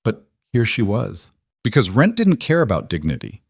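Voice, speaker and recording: A man reads a scripted story in a measured, dramatic way. His voice sits low. The sound is dry and close with no room around it. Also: huge pitch swings, vocal fry, breathy edge, no echo. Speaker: narrator. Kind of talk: scripted narration.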